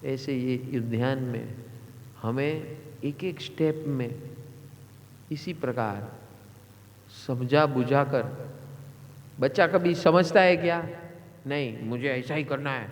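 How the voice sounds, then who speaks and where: A man's voice: medium pitch, slow pace, long pauses. A man giving a devotional sermon as a spiritual teacher, earnest and emphatic, repeating phrases and putting questions to his listeners. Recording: echoey hall reverb.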